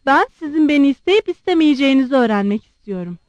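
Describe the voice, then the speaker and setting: A proud, blunt young woman fires off pointed questions in a high, bright, lively voice, voiced by a woman reading a story. The sound is dry and close. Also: dry recording, dull audio. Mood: sharp demanding. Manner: sharp, demanding, quick questioning.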